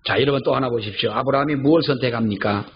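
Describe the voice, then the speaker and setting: A pastor, an older man, preaches rapid-fire in a mid-range voice, weaving in stories and repeating important phrases for emphasis. The church recording sounds a bit dull and carries faint background noise.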